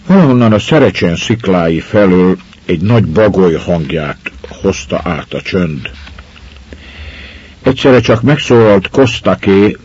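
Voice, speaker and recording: A man with a husky voice reading a folk tale aloud in a measured, expressive way. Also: sits low. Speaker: storyteller. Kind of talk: scripted story narration. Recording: muffled lo-fi recording.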